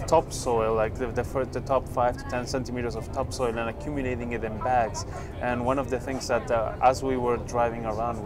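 Thoughtful man from Chile on a bus. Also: medium pitch. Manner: thoughtful, with frequent uh fillers. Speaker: postdoctoral researcher. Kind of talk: interview on a moving bus. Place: inside a moving tour bus.

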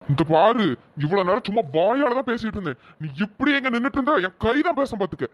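A man doing a furious gruff old father. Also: very high-pitched, lively intonation, quick pace, fairly bright tone. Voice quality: gruff, scolding, threatening. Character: angry older father, loud and scolding. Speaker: father of the wife. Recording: dull, dry lo-fi audio.

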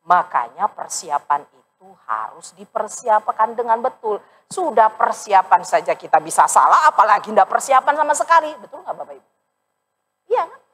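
A woman pastor giving a lively, conversational sermon in a church, speaking straight to the congregation and acting out the voices of the people in her stories. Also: a little high, slightly rough. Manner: animated, acts out quoted voices, addresses congregation directly. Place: church sanctuary.

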